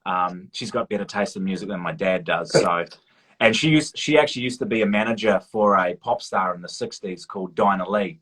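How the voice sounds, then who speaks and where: In a casual interview, a male guest with a slightly low, somewhat bright voice chats at a brisk clip. He comes across as modest and informal, hesitating while he figures out what to say.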